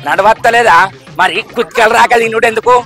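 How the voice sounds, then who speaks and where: Brief: high-pitched man, nagging comic grumbler, faint music under him. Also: fairly quick, fairly bright tone. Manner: grumbling, scolding, repeats his complaints. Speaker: comic actor. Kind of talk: village comedy sketch.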